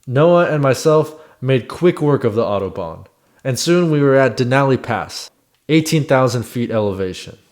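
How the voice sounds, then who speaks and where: A man's voice: mid-range voice, expressive, normal speed, a little mellow. A man reading a scripted first-person voice-over about his own expedition in a reflective storytelling way. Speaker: climber narrating own expedition.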